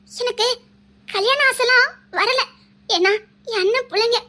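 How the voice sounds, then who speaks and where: A woman plays a devoted young daughter-in-law with a Tirunelveli Tamil accent. Her voice is very high and bright, and she speaks in earnest vows. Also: heavily acted. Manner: earnest, vowing. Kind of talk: family web-drama acting.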